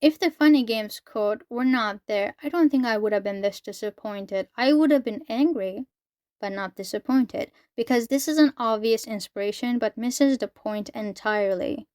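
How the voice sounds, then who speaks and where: A woman's voice: on the high side, moderate pace, a little mellow, no echo, studio quality. A woman giving a casual, sarcastic and exasperated book review.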